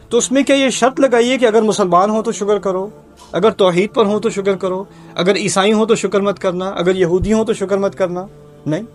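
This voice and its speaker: A man giving a Quran commentary lecture, asking his listeners questions, repeating key words and reciting Arabic verses. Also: sits high. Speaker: Quran teacher.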